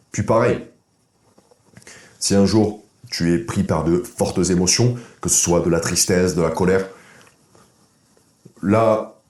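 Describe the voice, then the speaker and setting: Guy doing a coaching vlog, real low dark voice, blunt and casual, echoey room. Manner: blunt, informal, addresses viewer as "tu", checks in with "ok?". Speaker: masculinity and dating coach. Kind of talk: direct-to-camera coaching vlog. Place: indoor room.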